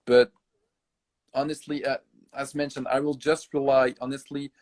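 Halting man from France, mid-pitched. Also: little pitch movement, darkish tone. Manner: halting, repeats words while searching for phrasing. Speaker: conversation partner. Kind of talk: casual multilingual chat.

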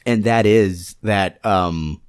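A man with a lowish voice talks in a loose, rambling way as a co-host in casual chat. He often restarts his sentences and leans on fillers. The recording is close and dry, with almost no room sound. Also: slow, smooth, no echo. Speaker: podcast co-host.

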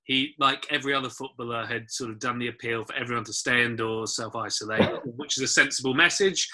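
Male podcaster, very bright, tense tone, amused storyteller. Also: medium pitch, fast. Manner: amused storyteller, laughs while talking. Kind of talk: casual football chat.

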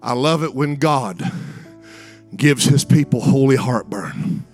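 A man preaching a revival sermon with dramatic, sing-song phrasing, repeating lines and addressing the congregation directly. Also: soft background music. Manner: dramatic, building from hushed, drawn-out phrases to high, sing-song cries.

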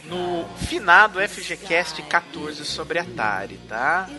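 A man's voice: a little high, takes it slowly, music in the background. A man co-hosting a podcast, playfully giving a plot summary with emphasis. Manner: playful, reads a synopsis with emphasis. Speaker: podcast co-host. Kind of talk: casual podcast chat.

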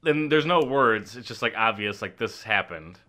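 A man's voice: on the low side, expressive, normal speed, pushed and bright. A man casually discussing a movie with a friend, joking, teasing and laughing often.

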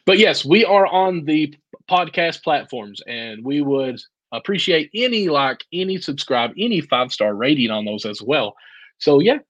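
A man's voice: fairly high pitch, very animated, normal speed, fairly bright tone, no room sound, low-quality recording. A man co-hosting a casual podcast, making upbeat, joking plugs for the show. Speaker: podcast co-host.

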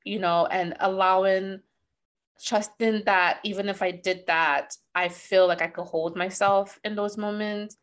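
A woman's voice: mid-range voice, fairly even intonation, unhurried. A woman hosting a podcast in a loose, candid conversation. She talks with easy expression, curses freely and laughs often. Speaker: podcast host.

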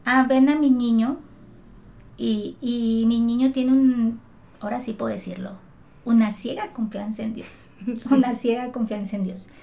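A woman from Mexico with a fairly high voice tells her story of faith in an earnest, emotional way. She circles back and restarts her phrases as she gathers her thoughts, speaking as a guest in conversation. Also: fairly even intonation, unhurried, gravelly, mellow. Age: adult mother. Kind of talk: heartfelt testimony in conversation.

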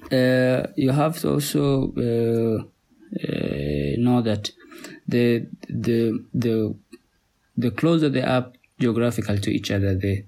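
A man with a Somali accent, a native Somali speaker, talking as a podcast guest in a halting way, with many pauses and repeated words. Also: mid-range voice, lively intonation, vocal fry, warm tone. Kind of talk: conversational interview.

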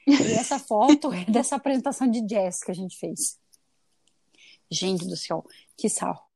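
A woman in her thirties from Brazil hosts a casual podcast chat and tells stories in an animated way, acting out what people said in shifted voices. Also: mid-range voice, normal speed, vocal fry, slightly rough, no room sound, clean studio sound. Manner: animated storyteller, acts out quotes in shifted voices. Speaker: podcast host.

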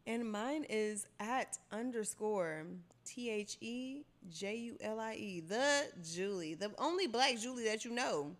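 A woman's voice: fairly high pitch, expressive, unhurried, hardly any pauses. A young woman co-hosting a podcast, chatting casually in a playful, emphatic way. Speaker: podcast co-host. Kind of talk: casual chat.

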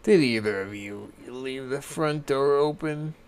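A man's voice: medium pitch, a little slow, clean tone, lightly acted. A man voicing a proper, observant mother bear in a storybook reading.

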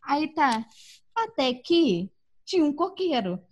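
A woman with a high voice tells a personal story in a relaxed chat. She is animated, laughs often and acts out the voices of the people in it. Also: takes it slowly, highs cut off. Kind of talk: casual storytelling.

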